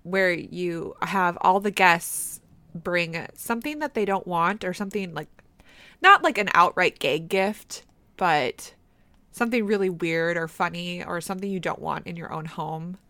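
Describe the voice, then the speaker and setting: A woman's voice: lowish voice, unhurried, pushed and bright, no room sound. A woman co-hosting a podcast in a casual, chatty style, recorded at home in a basement. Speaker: podcast co-host.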